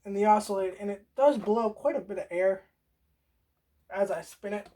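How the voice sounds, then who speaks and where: A woman's voice: mid-range voice, normal speed, warm tone. A woman hosting a casual how-to video, rambling, swearing freely and talking straight to the viewer. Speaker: DIY video host.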